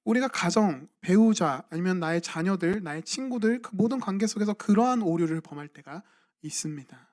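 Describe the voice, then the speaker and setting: A man's voice: high voice, expressive, brisk, darkish tone. A young man, a junior pastor, preaching a sermon in a church and asking his congregation questions in a conversational way. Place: church sanctuary at a midweek evening service.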